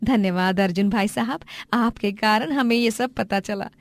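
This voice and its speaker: A homely village wife and mother from a cartoon story, played by a woman. She sounds earnest and plain-spoken, with rustic village speech. Her voice is mid-pitched, close to an everyday woman's voice. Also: normal speed, no room sound, close to an everyday voice. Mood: grateful.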